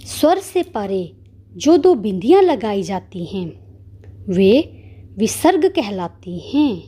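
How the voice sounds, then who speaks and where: Slow, deliberate woman teacher. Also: mid-range voice, mellow, slightly rough. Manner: slow, deliberate, spelling out each sound and example word. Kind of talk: school grammar lesson. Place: school.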